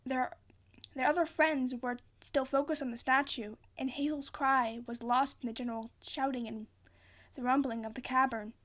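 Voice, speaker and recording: A woman's voice: sits high, fairly bright tone. A woman giving a theatrical, amateur storybook narration, often stumbling and rereading phrases. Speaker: amateur reader.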